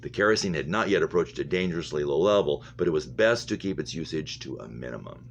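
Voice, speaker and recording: Here a man with a rumbling low voice reads a novel aloud, animated and quick, sometimes tripping on words and returning to phrases. He's a reader and English teacher, recorded in muffled lo-fi sound over a humming noise.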